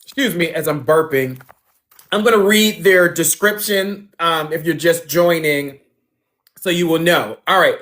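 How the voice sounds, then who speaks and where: A man's voice: a little high, measured pace, fairly bright tone. A man hosting a dating show on a phone livestream, chatting casually, talking straight to viewers and laughing often.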